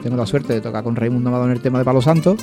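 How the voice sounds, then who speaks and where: A man's voice: mid-range voice, rapid-fire, music in the background. A man, a guest musician chatting in a radio interview in a rambling way with lots of fillers. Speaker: guest musician, cornet player.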